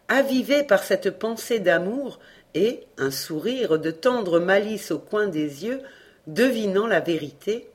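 A narrator calmly reading a classic novel aloud as an audiobook. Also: medium pitch. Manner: calm, measured reading. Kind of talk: scripted literary narration.

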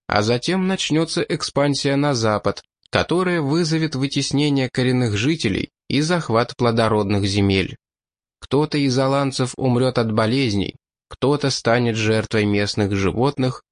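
Man, audiobook narrator, steady measured reading, mid-pitched voice, dry close recording. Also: no echo.

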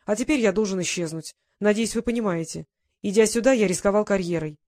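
Woman voicing a young English gentleman, blunt, urgent, pressing warnings, dry audiobook sound. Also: mid-range voice, fast, no room sound, lightly acted.

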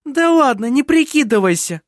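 A reader voicing a defensive, shouting young woman in an audiobook. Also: high voice, big pitch swings, normal speed, no echo, studio quality, voice pushed up. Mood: shrieking. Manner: shrieking, defensive. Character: young woman, hysterical sister. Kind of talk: audiobook character voice.

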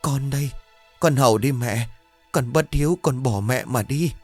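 A man's voice: medium pitch, moderate pace, husky, soft background music, voice pushed up, natural voice. A man voicing a shivering ghost girl. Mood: weeping. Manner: trembling, tearful, faint. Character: drowned young woman's ghost, cold, weeping.

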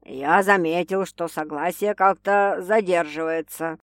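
A woman reading an audiobook, voicing a teasing, domineering young man who speaks slowly and wryly. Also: steady tone, dry recording, clean studio sound, natural voice. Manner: slow, low and wry. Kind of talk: audiobook character voice.

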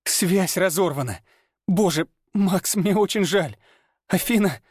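A man's voice: takes it slowly, husky, no room sound, clean studio sound, exaggerated voice. Lana, a man voicing an ancient woman healer. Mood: frantic. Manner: shrill, pleading cries. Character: desperate 390-year-old woman healer.

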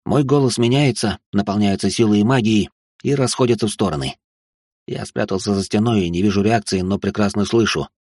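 Low, husky male storyteller. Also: brisk, darkish tone, no echo, clean studio sound. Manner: wry, sarcastic asides. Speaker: narrator. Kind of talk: first-person audiobook narration.

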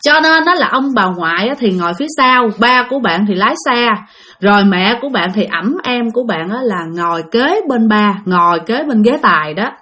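Animated Southern Vietnamese woman storyteller. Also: fairly high pitch, normal speed. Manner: animated, addressing listeners directly. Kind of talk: spoken ghost story narration.

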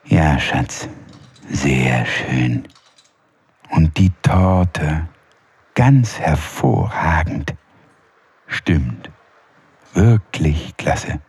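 A man's voice: a bass voice, lively intonation, drawn-out words, long pauses, a little mellow, slightly rough, dry recording, exaggerated voice. A man playing a timid, hesitant office worker who stammers nervously. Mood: content. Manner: stammering, anxious.

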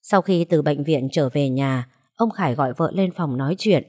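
A woman narrating an audiobook story in a steady, expressive way. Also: sits low, normal speed.

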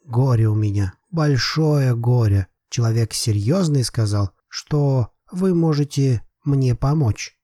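A man's voice: mid-range voice, expressive, slow pace, few pauses, warm tone, no echo, clean studio sound. A man playing a proud old father. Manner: emphatic, pleading, broken grammar. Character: proud, desperate older man, hot-tempered father.

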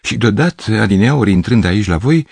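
A man's voice: fairly low pitch, lively intonation, gravelly, a little mellow, slightly rough, no echo, voice pushed up, exaggerated voice. A man voicing an aging male piano teacher who is pompous and self-pitying, with a theatrical, pathetic way of declaiming. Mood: musing.

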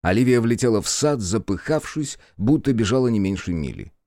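Man, low pitch, lively expressive reading, audiobook narration, dry sound. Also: a little fast, no room sound.

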